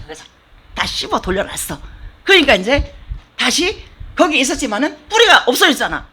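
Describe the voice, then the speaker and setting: A woman pastor preaching a sermon in a church, telling the story in an animated, colloquial way with sound effects. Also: fairly high pitch, breathy edge.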